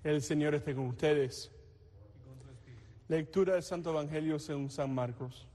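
A man reading scripture and preaching deliberately in a church, his voice carried in a cathedral-like echo. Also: fairly high pitch, dark tone. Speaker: priest or deacon reading the Gospel and preaching. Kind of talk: liturgical reading and homily. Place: large reverberant church interior. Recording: long echoing church reverb.

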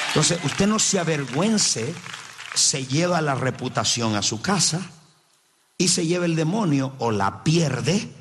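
A man's voice: medium pitch, slight background noise. A man preaching a sermon, speaking emphatically and addressing the congregation directly. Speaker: pastor.

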